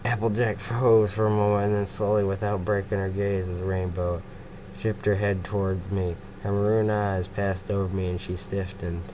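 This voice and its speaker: A young man with a very low voice reads fanfiction aloud at a moderate pace, mixing in banter, tripping on words, cursing at his slips and laughing at them. Steady background noise hangs under the recording.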